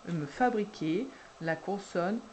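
A woman preschool teacher guiding parents through a syllable dictation, speaking slowly and deliberately and drawing out each syllable. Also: fairly low pitch, darkish tone, a little hiss or hum. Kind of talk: instructional video for parents.

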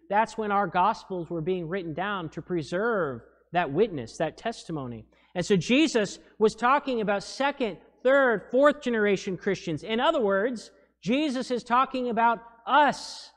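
A man in his forties preaching a sermon from a lectern mic in a church, earnest and emphatic. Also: high-pitched. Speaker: pastor. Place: church chancel. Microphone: stand mic at lectern. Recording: long church reverb.

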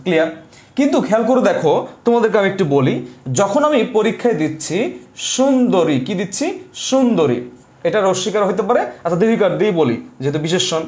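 A man teaching an online class in a high voice, repeating each rule and stopping often to ask the students if they follow. The room is roomy and echoey. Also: lively intonation, fast, darkish tone. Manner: repeats rules and keeps asking students if they understood. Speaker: Bengali language teacher.

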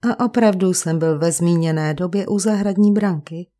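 A woman's voice: on the low side, mellow, natural voice. A woman reading the lines of a frail, refined male painter of about thirty who speaks with cultured resignation, in an audiobook. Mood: resigned, cultured.

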